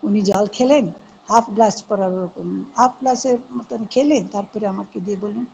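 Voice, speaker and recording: A woman monastic speaker gently recounting devotional stories at a gathering and acting out the quoted dialogue. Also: medium pitch, moderate pace, vocal fry, a little hiss or hum, low-quality recording. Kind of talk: devotional storytelling. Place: online satsang talk.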